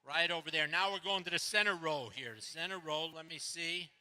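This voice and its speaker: An older man running a live stage event on a hand mic, calling on people and steering them to their spots. His voice sits high for a man and rings very bright and forceful. A long hall reverb trails each phrase. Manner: brisk, directing people with repeated "right over here". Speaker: host of a live building event. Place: stage in a large hall with an audience.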